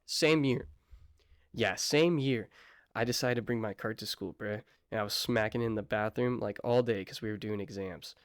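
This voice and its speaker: A man's voice: fairly low pitch, normal speed, dry recording, studio quality. A young man telling a casual storytime vlog in a slangy, laid-back way with apologetic asides. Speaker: vlogger.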